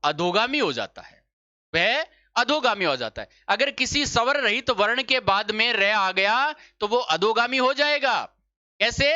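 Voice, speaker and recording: Bright-voiced male grammar teacher. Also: high voice, sing-song, measured pace, no echo. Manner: asks questions and answers them himself, checks understanding; repeats key phrases, drills a point. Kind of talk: exam-prep spelling lesson. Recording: dull lo-fi sound.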